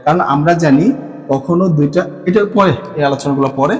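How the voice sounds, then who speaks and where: Male teacher, questioning explanatory manner, slightly high voice, reverberant classroom sound. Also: a little fast, a little mellow. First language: Bengali. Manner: explains in questions, then answers them himself. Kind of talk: classroom lesson on Arabic grammar.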